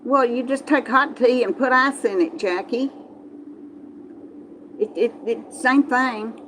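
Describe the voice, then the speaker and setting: A woman from Texas in the southern United States hosts a livestream, chatting casually with viewers in a folksy, meandering Texas Southern accent and often repeating herself. Her voice is a little high, slow and a bit bright. The recording is rough, with slight background noise.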